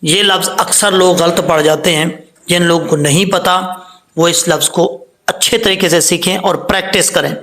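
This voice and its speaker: A man teaching Quran recitation, patiently spelling out syllables slowly and chanting the verses. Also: high voice, fairly even intonation, fairly bright tone. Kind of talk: tajweed lesson, spelling out and reciting words slowly.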